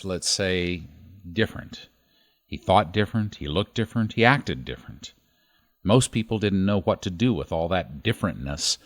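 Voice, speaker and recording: A man hosting a podcast, narrating a story in a measured, scripted delivery. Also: low voice, dry recording. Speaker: podcast host.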